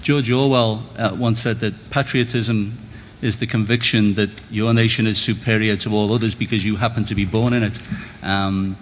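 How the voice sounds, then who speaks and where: A man giving a formal debate speech in a measured, rhetorical way, stacking phrase after phrase. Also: fairly low pitch, fairly even intonation. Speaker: debate speaker. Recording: long hall reverb, faint background noise.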